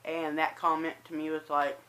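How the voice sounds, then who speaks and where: A woman's voice: sits low, flat delivery, normal speed, fairly bright tone, low-quality recording. A woman telling a personal story casually to viewers, with a slight whistle on some words and a habit of acting out remembered remarks. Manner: conversational, acts out remembered remarks. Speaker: personal vlogger.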